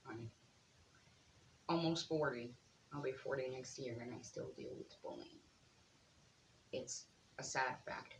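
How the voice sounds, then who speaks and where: A speaker in their late thirties talks quietly and earnestly to the camera, taking it very slowly and filling pauses with ums. The recording has a roomy echo and a faint hiss underneath. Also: medium pitch. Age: 30s. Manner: soft-spoken, slow, with frequent ums. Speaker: vlogger. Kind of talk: earnest direct-to-camera advice talk.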